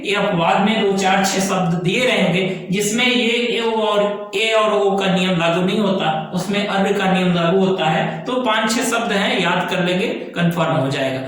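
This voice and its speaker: Male teacher, slow careful explaining, keeps repeating stuff, big echo all around. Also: high-pitched, a bit bright. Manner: explains slowly, repeating key terms with rising checks for understanding. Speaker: Hindi grammar teacher. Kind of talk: classroom lesson. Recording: very echoey room.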